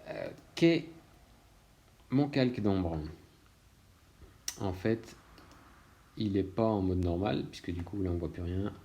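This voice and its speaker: A man walks through a drawing-software tutorial, his voice low and dark. He talks in a relaxed, thinking-aloud way, pausing often to hesitate before carrying on. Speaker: illustrator teaching software. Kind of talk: screen-recorded tutorial.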